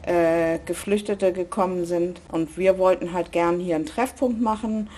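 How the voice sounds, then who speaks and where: A woman's voice: on the low side, fairly even intonation, moderate pace, warm tone, slight background noise. A woman who organizes a volunteer meeting place, talking in an earnest, emphatic way and often ending with tag questions. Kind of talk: conversational interview.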